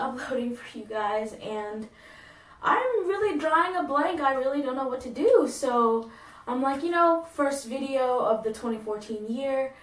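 A woman's voice: high-pitched, echoey room, distant mic. A young woman in her twenties from South Korea, whose first language is not English, chatting in a bubbly casual vlog about herself and laughing at herself. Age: 20s. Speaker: vlogger. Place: indoors, plain grey wall, small room.

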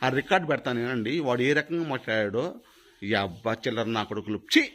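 A man's voice: mid-range voice, brisk, a bit bright. Angry threatening man. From Khammam, Telangana. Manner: angry, threatening, repeats himself. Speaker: video creator. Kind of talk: angry direct-to-camera rant.

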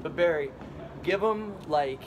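A man hosting a casual fitness vlog outdoors, energetic and enthusiastic, introducing a guest. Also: a little high, measured pace. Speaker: fitness vlogger host. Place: outdoors on a street in Scotland. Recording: outdoor street noise with traffic.

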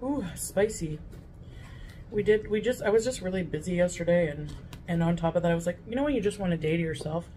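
A woman's voice: fairly low pitch, fast, dark tone. A young adult woman talking casually to camera while eating, often chewing as she speaks with her mouth full. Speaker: mukbang vlogger. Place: furnished living room, indoors. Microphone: camera at table distance. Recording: faint room noise, home recording.

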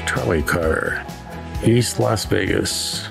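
A man casually narrating a travel vlog as he walks around, relaxed and unhurried. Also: deep voice, vocal fry, over music. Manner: relaxed, unhurried commentary while walking around. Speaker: travel vlogger. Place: walking around a train station and hotel, indoors and outdoors.

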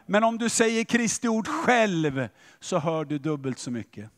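Lively preaching man in a reverberant church. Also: sits high. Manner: animated, questioning the audience. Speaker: pastor. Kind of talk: sermon.

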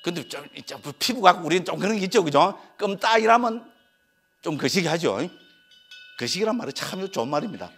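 A man's voice: high voice, animated, fairly quick, fairly bright tone. A middle-aged man with a Gyeongsang Korean accent, a Buddhist monk lecturing on scripture and constantly tossing rhetorical questions to his listeners. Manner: peppers talk with rhetorical questions.

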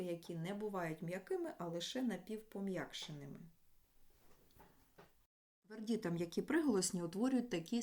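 A woman teaching a grammar lesson, explaining sounds deliberately and sounding out letters and words one by one. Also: medium pitch, darkish tone.

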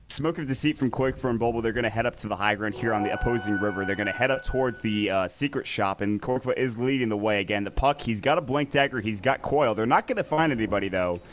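A man doing play-by-play commentary on an esports match, quick and excitable in fights and laid-back in the lulls. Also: lowish voice.

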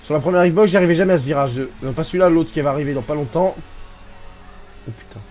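A man from France giving casual, excitable commentary over his racing game, swearing and mocking himself. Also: fairly high pitch, fast. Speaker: gaming YouTuber. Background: game music.

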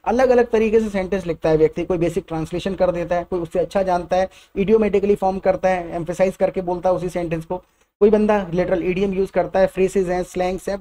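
A man's voice: high voice, dark tone. A man with an Indian accent teaching spoken English step by step, often checking in with "Getting my point?".

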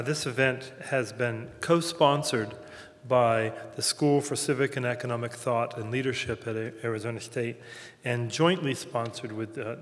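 A man with a Southern American accent giving a formal introduction at a campus lecture, halting often with fillers and restarts. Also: medium pitch, a bit bright. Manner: hesitant, many fillers and restarts. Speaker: host introducing a speaker. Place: university lecture room. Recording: reverberant lecture hall.

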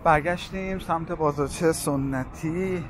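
Chatty man narrating a street walk. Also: on the high side. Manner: chatty, points out sights and reads prices while walking. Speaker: walking tour vlogger. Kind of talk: casual walking-tour narration. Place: busy city streets outdoors. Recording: street noise outdoors. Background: traffic noise.

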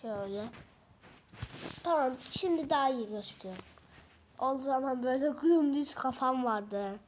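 A woman shows a mobile game's settings while chatting to herself in an exasperated, rambling way, recorded through her phone's mic during screen recording. Her voice is high at a normal speed, with a little hiss or hum.

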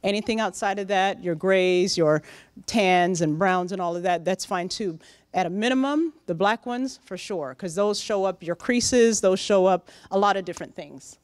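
A middle-aged woman giving a lively, direct motivational talk to young interns in a large conference room, speaking into a handheld microphone. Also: mid-range voice, moderate pace, smooth, dry recording. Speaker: workshop speaker. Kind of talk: motivational professional-development talk.

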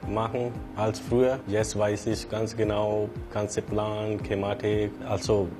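A man from Germany speaks slowly in a flat, lowish voice. His sentences are simple and halting. Clear music plays under the interview. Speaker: training course participant. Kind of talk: interview testimonial. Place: indoor studio with grey backdrop. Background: music bed.

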